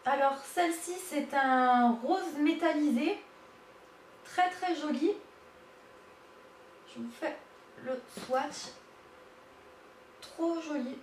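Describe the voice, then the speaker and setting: A woman giving a casual makeup swatch demo, halting with many fillers and gushing over the colors. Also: high voice. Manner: hesitant, lots of fillers, gushing. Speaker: beauty vlogger. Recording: echoey room, mic at a distance, faint hiss.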